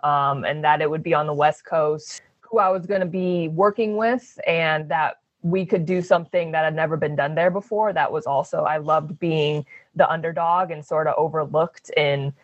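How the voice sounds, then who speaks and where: A woman's voice: low-pitched, dry recording. Young woman from Arizona, interview guest; earnest and reflective, muffled dry recording. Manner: earnest, reflective, with many fillers. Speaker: guest, basketball player. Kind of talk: casual interview answers.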